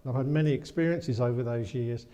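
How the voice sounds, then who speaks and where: An English man as an interview guest, chatting casually over wine in a relaxed, reflective way with light self-deprecating humor. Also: medium pitch, brisk, big-room sound. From England.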